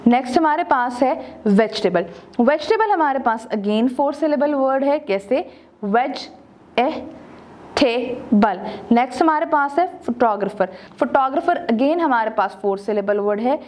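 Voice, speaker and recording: A woman's voice: a little high, darkish tone. A young woman teaching a textbook video lesson, switching between Urdu and English and stretching words out syllable by syllable to show pronunciation.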